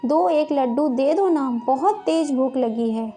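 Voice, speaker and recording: A small village girl begging and complaining in a high, plaintive voice, as a woman puts her on. She sounds meek and hurt. Faint music plays underneath. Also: expressive, a little slow, mellow. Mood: pleading. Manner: pleading, plaintive. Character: pleading little village girl.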